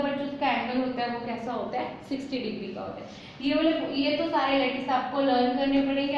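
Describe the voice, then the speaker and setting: High-voiced woman teaching in an echoey room. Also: a little mellow, a little hiss or hum. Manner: asks rhetorical questions and answers them herself, repetitive; mixes English terms into Hindi explanation. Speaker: chemistry teacher. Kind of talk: whiteboard lesson. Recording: echoey room, slightly dull.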